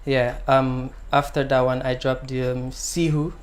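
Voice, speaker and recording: A young singer-songwriter from the Gambia answers interview questions softly and hesitantly, with lots of pauses and ums. His voice is medium in pitch with little movement.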